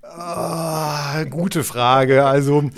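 Gravelly-voiced North man chatting. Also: very slow. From East Frisia, northern Germany. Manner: relaxed, frank, mixes in Low German words. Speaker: editor-in-chief and podcast guest. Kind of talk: casual podcast chat.

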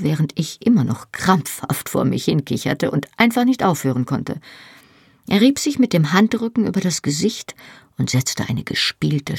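An audiobook narrator reading a first-person story in a calm, measured way. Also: mid-range voice, gravelly, slightly rough, no echo, clean studio sound.

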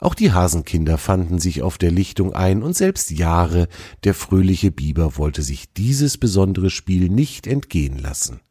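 A man reads a children's story aloud in a deep, dark voice. His melody rises and falls freely, and the sound is dry and close. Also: big pitch swings, measured pace, hardly any pauses, slightly rough, no echo. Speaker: narrator.

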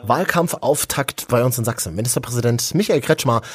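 A man's voice: medium pitch, a little fast, slightly rough. A man, presenting a magazine podcast in an upbeat, scripted style as host.

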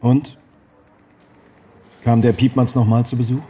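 An actor playing a calm, coaxing male police detective who patiently draws out a suspect. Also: medium pitch, measured pace, faint music behind, lightly acted.

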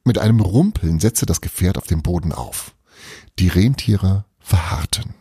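Husky deep-voiced male storyteller. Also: a little slow, no echo, clean studio sound. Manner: warm, lively, chatty outro. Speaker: storyteller and host. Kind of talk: audio advent calendar story reading.

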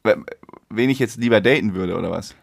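With a fairly low voice touched by vocal fry, a man in his thirties talks fairly quickly as a podcast co-host. He keeps the chat casual, laughing easily and explaining things along the way.

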